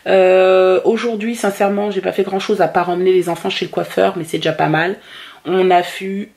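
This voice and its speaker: Woman, creaky and gravelly, informal family vlog chat, conversational delivery. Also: on the low side, level tone, normal speed, darkish tone. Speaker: family vlogger and mother.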